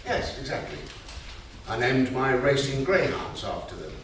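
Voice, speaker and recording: In a staged reading, an actor voices an old grandfather, fond and wistful, who tells gambling tales slowly with hesitant pauses and terms of endearment. The mid-range voice is fairly bright with big pitch swings, sounding playful and affectionate. It was recorded on a theatre stage with a distant room mic, giving an echoing, hissy sound.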